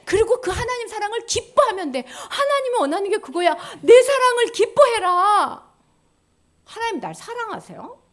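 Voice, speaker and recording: A woman giving a children's sermon. She asks the kids questions and swings between loud exclamations and hushed whispers. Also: extremely high pitch. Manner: speaks directly to children, asking them questions. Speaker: children's ministry preacher.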